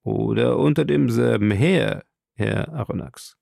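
A man reading Captain Nemo, gravelly and calm. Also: medium pitch, no room sound, studio quality. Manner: calm, measured and commanding. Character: stern, proud male submarine captain. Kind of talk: audiobook role reading.

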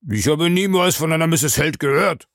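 A man voicing a smooth-talking, evasive male bar owner in an audiobook, lifting his voice higher and giving it a changed tone. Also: sing-song, moderate pace, a little mellow, dry recording, studio quality.

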